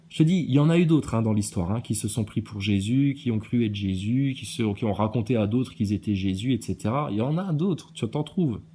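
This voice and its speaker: A man with a mellow, dark-toned voice rants straight at his commenters. He is preachy and combative, with sarcastic jabs. A faint hum sits behind him. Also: medium pitch. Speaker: video maker answering viewer comments. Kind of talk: ranting monologue to commenters.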